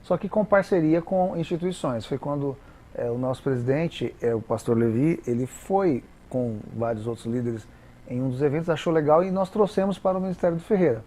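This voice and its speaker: A Brazilian man with a Brazilian Portuguese accent, a guest explaining English pronunciation in a didactic, halting way with many repeated words. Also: on the high side, mellow. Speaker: interview guest, English teacher. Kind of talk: explanatory interview talk.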